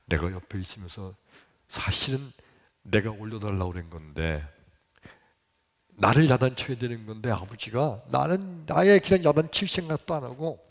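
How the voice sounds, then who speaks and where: A man preaching a sermon as pastor, telling a childhood story in an animated way and acting out the people in it with sudden loud, high jumps. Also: moderate pace. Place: church sanctuary. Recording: long reverb of a church hall.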